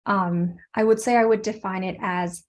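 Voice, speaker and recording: A woman speaking on an online panel over a video call, measured and thoughtful. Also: medium pitch, fairly even intonation, darkish tone. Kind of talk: casual online panel talk.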